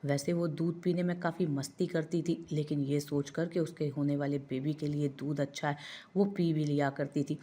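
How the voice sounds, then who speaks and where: A woman narrating a romantic novel in a steady, expressive storytelling voice. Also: deep voice, moderate pace. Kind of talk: audio novel reading.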